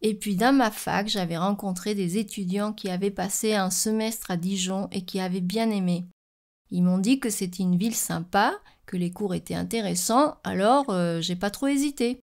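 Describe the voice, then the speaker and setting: A woman playing a calm, polite young exchange student answering a radio interview in a scripted French lesson. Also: mid-range voice, moderate pace, lightly acted. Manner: calm, polite, matter-of-fact.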